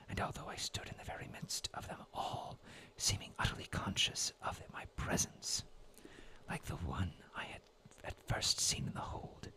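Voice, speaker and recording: A man in his twenties from New England, reading a classic sea tale aloud in a whispered role-play ASMR style. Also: pushed and bright. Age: 20s. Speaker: storyteller.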